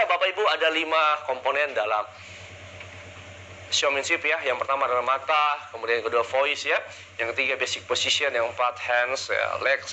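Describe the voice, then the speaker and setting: Bright, fast-talking male speaking trainer. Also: a little high, a little hiss or hum, low-quality recording. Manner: energetic, drills audience with call-and-response questions. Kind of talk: live training seminar. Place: seminar room with audience. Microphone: handheld microphone.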